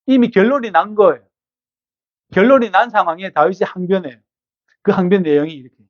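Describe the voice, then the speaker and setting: A male pastor with a high voice preaches in a chatty way, often putting questions to his listeners. The recording is dull and lo-fi, and very dry. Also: fairly quick, no echo. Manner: conversational, asks the congregation rhetorical questions. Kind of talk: sermon. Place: church at an evening service.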